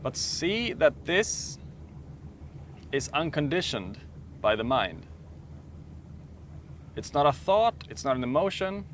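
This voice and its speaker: Soft-spoken man guiding a meditation. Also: fairly high pitch, slight background noise. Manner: slow, calm, soft-spoken with long pauses. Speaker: meditation teacher. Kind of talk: guided meditation talk.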